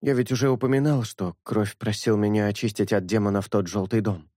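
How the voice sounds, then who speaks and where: Male narrator as a sincere young priest: measured, thoughtful, low voice, dry close sound. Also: fairly even intonation, warm tone, no echo, close to an everyday voice. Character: earnest young male priest, calm and honest.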